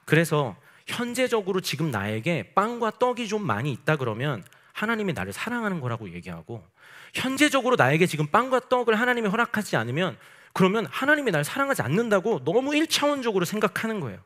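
Male pastor, sermon, emphatic, rhetorical questions, animated and somewhat high voice. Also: fast. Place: church service at night.

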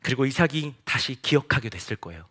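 A man's voice: medium pitch, fast. A male pastor preaching a sermon, telling stories with animation. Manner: animated storytelling, acts out quotes.

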